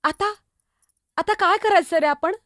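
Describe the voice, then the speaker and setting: एका स्त्रीने साकारलेली लहानगी मुक्ताई, अवखळ, गप्पिष्ट, खूप उंच आवाज, एकपात्री नाटक. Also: female voice, very high-pitched, unhurried, a bit bright, dry recording, studio quality. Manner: chatty, teasing, innocent, exclamatory. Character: young girl, Muktai, lively younger sister. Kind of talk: solo stage monologue.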